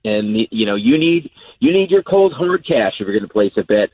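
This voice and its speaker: A man's voice: on the low side, very animated, normal speed, slightly rough, dry recording. A man calling in as a business reporter for a phone interview. He holds the phone too far from his mouth, so his voice fades. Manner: explanatory, uses fillers like "you know". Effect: phone held away from mouth, voice fading. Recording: tinny dry phone line.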